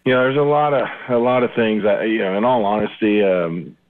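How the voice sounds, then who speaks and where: A man's voice: on the low side, steady tone, brisk. A man answering interview questions over the phone as a market analyst, talking in a loose conversational way with lots of fillers and restarts. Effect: speaking over the phone. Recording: tinny phone line.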